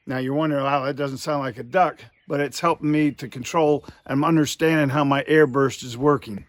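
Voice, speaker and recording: A man's voice: mid-range voice, fairly even intonation, fairly quick, a little hiss or hum. Folksy man giving a hands-on lesson. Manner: folksy, explanatory, step by step. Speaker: duck calling instructor. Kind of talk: instructional demonstration, informal.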